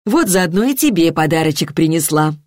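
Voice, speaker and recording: A woman's voice: sits low, expressive, fairly quick, darkish tone, no echo. Woman doing a cosy older lady neighbour, homely, dry close sound. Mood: glad.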